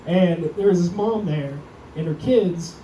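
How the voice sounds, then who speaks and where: A young man doing a stand-up comedy set, self-deprecating and deadpan, raising his voice when he acts out quotes. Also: high-pitched, unhurried. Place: comedy club stage. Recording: echoey club, mic heard from far, audience noise.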